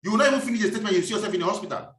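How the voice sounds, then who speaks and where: A man's voice: high-pitched, animated, racing, a bit bright, far from the mic. A man giving a preachy, emphatic business talk and repeating his key phrases. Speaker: business speaker. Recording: echoey room, voice off-mic.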